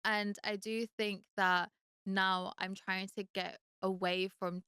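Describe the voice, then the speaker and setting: A woman's voice: medium pitch, little pitch movement, slow, pushed and bright, smooth, no echo, studio quality. A woman in her late twenties hosting a solo podcast, talking candidly and reflectively in a chatty way, with lots of filler words. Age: late 20s. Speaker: podcast host.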